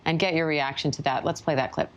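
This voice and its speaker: A woman news anchor with a low voice leads live coverage, introducing clips and guests. Her delivery is steady and explanatory, with the odd restart. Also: fast talker, muffled recording, slight background noise.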